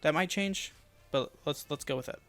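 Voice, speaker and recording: A man streaming live, thinking aloud as he mutters and repeats made-up names to test how they sound, often dropping to a quiet murmur. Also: on the high side, normal speed. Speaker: streamer building a fantasy world.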